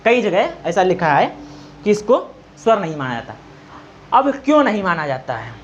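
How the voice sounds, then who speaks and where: A man's voice: sits high, very animated, moderate pace. A man teaching an exam-prep grammar lecture, asking and answering his own questions, stretching out vowel sounds and dictating notes. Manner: draws out vowel sounds to demonstrate. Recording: dull lo-fi recording with faint noise.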